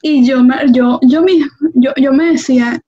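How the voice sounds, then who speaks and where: A woman hosting a conversational interview, chatty and animated as she tells her own stories. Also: high voice, moderate pace. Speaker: host. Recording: dull lo-fi sound.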